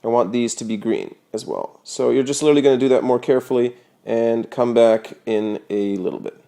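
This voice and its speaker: This young man's voice is medium-pitched with vocal fry, and he speaks fairly fast. He's walking through a laid-back hobby painting tutorial, easygoing in tone and sprinkling in plenty of "uh" and "you know."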